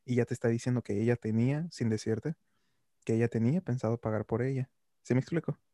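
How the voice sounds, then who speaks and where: A young man on a podcast, calmly explaining his views in casual conversation. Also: medium pitch, fast, dry recording, clean studio sound. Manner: calm, reflective explaining. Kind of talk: casual chat.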